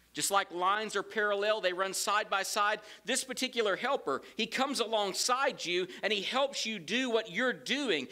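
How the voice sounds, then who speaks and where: A middle-aged man with a high voice and a Southern American accent preaches a sermon in a large church sanctuary with empty pews. He is animated and gestures widely, dropping folksy asides between scripture quotes. He speaks into a lectern mic but roams away from it at times.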